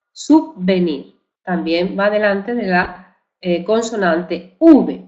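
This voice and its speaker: Slow, patient woman teacher. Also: mid-range voice. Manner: slow, patient, repeats and spells out words. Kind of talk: spelling lesson for exam prep. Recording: dull lo-fi recording.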